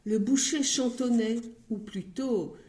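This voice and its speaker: A woman reading a children's story aloud in an expressive, playful way, recorded in an echoey room. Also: fairly high pitch, slow pace.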